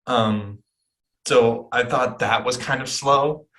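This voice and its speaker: A young man hosting a casual movie chat podcast, lively and animated, swearing casually and jumping up in pitch when excited. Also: slow. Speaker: podcast host.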